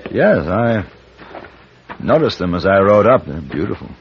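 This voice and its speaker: A courteous, serious gunfighter of the Old West, speaking in a low voice. It is a muffled vintage radio recording with clear noise. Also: male voice, very animated, a little slow, heavily acted. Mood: courteous, probing. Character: grave, courteous Western gunfighter, conscientious. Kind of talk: 1950s radio Western acting and narration.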